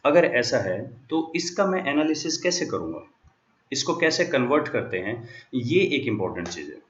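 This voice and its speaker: A man's voice: medium pitch, big pitch swings, normal speed, a bit bright. A man lectures in a mid-range voice, walking through each step and switching between Hindi and English terms. The sound is roomy and echoing. The recording is a little dull and lo-fi. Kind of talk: classroom lecture. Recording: echoey room, dull lo-fi sound.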